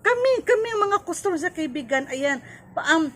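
A sari-sari store owner vlogger from Cebu, Philippines, speaks with a Cebuano accent in a very high, bright, brisk voice full of big pitch swings. Chatty and casual, she gives her viewers advice, mixes in English, and keeps repeating "kaibigan" and "no?".

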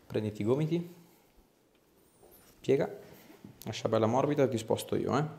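A chiropractor gives a patient calm, hands-on clinical instructions in a small treatment room, using short directive phrases and questions. His mid-range voice is creaky and dark in tone at a moderate pace, with a little hiss or hum.

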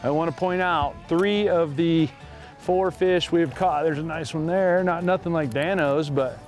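A man's voice: on the high side, fairly even intonation, a little slow, darkish tone, soft background music. Chatty man hosting from a fishing boat. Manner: chatty, addresses viewers as guys. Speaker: fishing show host. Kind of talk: casual on-the-water fishing commentary. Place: on a fishing boat on a lake, outdoors.

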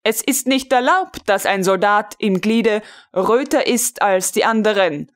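A woman's voice: mid-range voice, unhurried, natural voice. A woman reading the lines of a strict, pedantic male army captain in an audiobook, stiffly reciting rules. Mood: stern.

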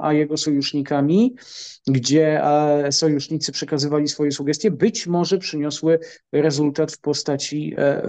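A middle-aged man from Poland, a military analyst answering interview questions in a measured, halting way with many filler pauses. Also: a little high, a little mellow.

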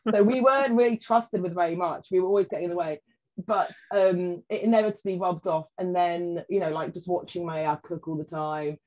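A woman talks in a relaxed, chatty way, spinning family stories and acting out the voices of the people in them. Her voice sits a little low for a woman. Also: a little fast, rough recording. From England. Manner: animated storyteller, acts out quoted voices, frequent "like" and "you know". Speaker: podcast guest, food writer. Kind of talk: casual chat.

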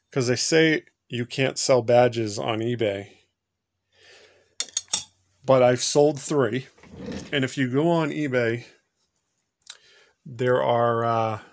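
Gravelly man chatting through a vlog. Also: mid-range voice. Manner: chatty, rambling, asks viewers for help. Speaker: storage unit reseller. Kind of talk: casual vlog walkthrough. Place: cluttered home storage room.

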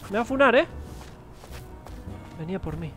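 A man from streaming a game live, chattering excitably and cursing freely as he plays. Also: high voice, normal speed. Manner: excitable, jokey, swears freely. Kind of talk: live gameplay commentary. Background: game music.

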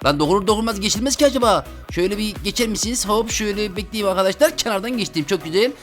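A young man hosting a game video, commentating his play, chatty and slangy with sudden loud exclamations. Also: high-pitched, rapid-fire, faint music behind. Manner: excitable, loud outbursts and frequent exclamations; talks to viewers as friends, slangy. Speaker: gaming video host. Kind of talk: Roblox gameplay commentary.

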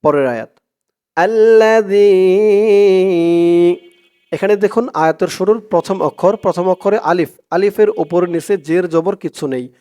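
A man teaching Quran recitation in a step-by-step lesson, with a Bangladeshi accent. He spells out each letter and vowel, then recites the words slowly and drawn out. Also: sits high, darkish tone.

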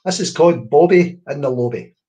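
A man's voice: fairly high pitch, fairly quick. A man with a Scottish accent, reading his own playful poems aloud to children in an online workshop. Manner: lively, playful poetry reading with rhythmic delivery. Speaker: children's poet.

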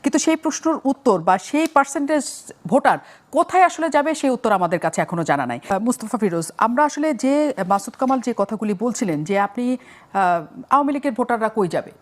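A woman's voice: on the high side, expressive, brisk. A woman hosting a political discussion, putting questions to guests with hesitant fillers. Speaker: talk show host.

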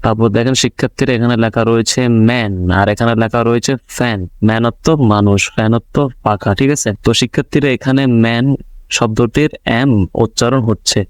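A man's voice: mid-range voice, steady tone, quick pace, clear, resonant tone, no room sound. A man with a Bangladeshi Bengali accent teaching young pupils in an online video lesson, patiently asking questions and answering them himself. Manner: patient, repetitive, asks and answers his own questions.

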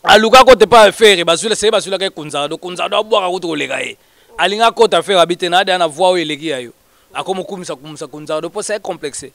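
A man talking in an animated, casual way, switching between Lingala and French. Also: sits high, fast talker, vocal fry, no echo.

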